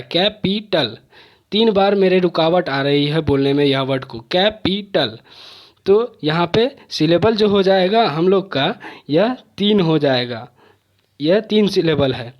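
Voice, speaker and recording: A man's voice: a little high, animated. A man teaching an exam-prep lesson, patiently repeating his points and sounding words out syllable by syllable. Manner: spells words out slowly, syllable by syllable.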